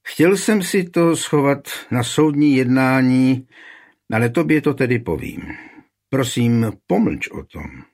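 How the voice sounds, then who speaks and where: A man's voice: medium pitch, lively intonation, darkish tone, voice pushed up. A man voicing a smug, easily offended town reeve in a historical storybook reading. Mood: smug, indignant.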